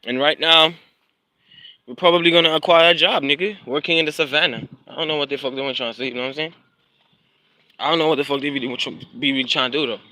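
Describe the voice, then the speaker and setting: Fast and sharp-toned, this fairly high male voice holds a fairly even intonation in a dry, rough recording. He's a South African rapper and vlogger live streaming by phone on a neighborhood street, rambling slangily and apologizing for glitches.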